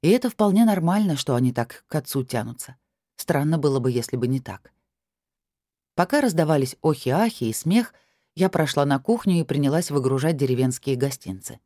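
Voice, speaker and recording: Female audiobook reader, first-person narration, ironic edge, warm mellow voice, dry studio sound. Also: low voice, dry recording. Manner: wry, ironic storytelling.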